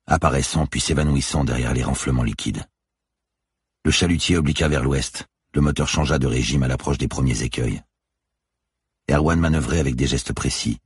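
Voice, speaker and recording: Man, audiobook narrator, deep and husky, dry booth sound, measured somber reading. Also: no echo. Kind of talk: scripted thriller narration.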